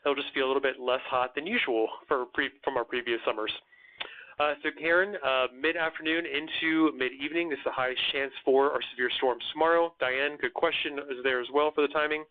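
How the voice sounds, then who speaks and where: A man's voice: mid-range voice, steady tone, a little fast. A man hosting a live weather Q&A, answering viewer comments in an earnest, slightly stammering way with plenty of fillers. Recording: tinny phone-like audio.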